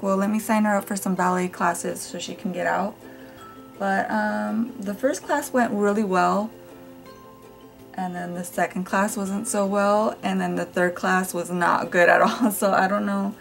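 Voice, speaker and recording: A young woman chatting casually while doing her makeup at home, her voice raspy from just waking up, rambling with fillers and small laughs. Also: on the low side, rough recording. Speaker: beauty vlogger. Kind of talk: casual get-ready-with-me chat. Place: home room with family nearby.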